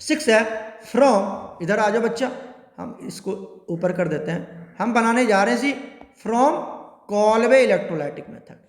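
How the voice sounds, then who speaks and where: Male chemistry teacher, very high voice, quizzes students nonstop, lecture in a reverberant hall. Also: animated. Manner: questioning students constantly, repetitive, drawn-out spelling. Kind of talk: classroom lecture. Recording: echoey room with long reverb.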